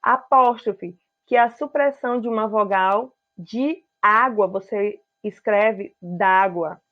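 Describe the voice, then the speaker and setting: Brazilian woman teaching, tinny sound. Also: mid-range voice. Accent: Brazilian Portuguese. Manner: didactic, keeps checking in with "certo?". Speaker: writing teacher. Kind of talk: video grammar lesson.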